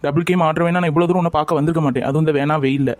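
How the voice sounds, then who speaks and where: A man's voice: fairly high pitch, steady tone, racing, no echo. A young man in a scripted romantic drama, talking with reproach and coaxing. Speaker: lover in a family skit.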